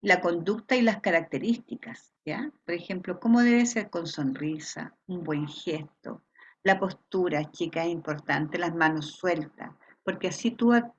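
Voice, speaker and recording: A woman's voice: mid-range voice, slight background noise. Woman, Chilean accent, online class lecture, explanatory, muffled lo-fi audio. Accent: Chilean Spanish. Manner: explanatory, checks in with frequent rhetorical questions. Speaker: teacher. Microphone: video call.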